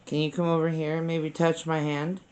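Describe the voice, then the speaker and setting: A man on a paranormal investigation, asking spirits questions aloud in a hushed, casual way. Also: on the high side, monotone, fairly quick. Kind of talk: casual ghost-hunting session. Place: old former brothel building, indoors.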